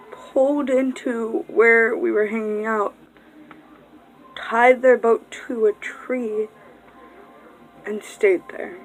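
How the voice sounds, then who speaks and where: A woman's voice: on the high side, a little hiss or hum, rough recording. A young woman vlogger telling a rambling, casual story, swearing freely and breaking off for distracted asides.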